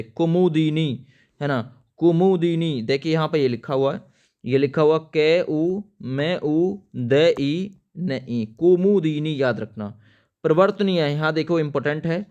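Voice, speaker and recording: Smooth-voiced man spelling words aloud. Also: fairly high pitch, a little mellow, highs cut off. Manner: spells words out letter by letter while writing; addresses viewers as friends, stresses importance. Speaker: teacher. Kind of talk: exam-prep spelling lesson.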